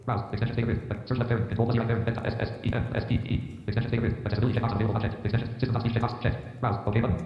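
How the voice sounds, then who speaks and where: A fast, flat, mechanical male screen-reader voice, heard as dull lo-fi playback echoing through a hall. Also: mid-range voice. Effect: fast robotic screen-reader voice.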